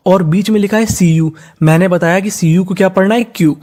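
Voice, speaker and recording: Teacher, mellow tone, spelling lesson, letter-by-letter sounding out, self-answered questions. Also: mid-range voice. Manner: spells words letter by letter, then blends them slowly; asks a question and answers it themself. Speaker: English teacher.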